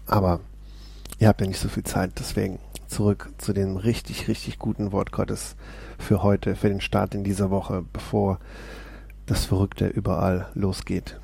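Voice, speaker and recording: Gravelly low-voiced man, eager devotional talk. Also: completely flat delivery, moderate pace, a little mellow. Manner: enthusiastic, exclaims often, speaks straight to viewers. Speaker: devotional video host. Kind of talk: casual devotional talk with Bible reading.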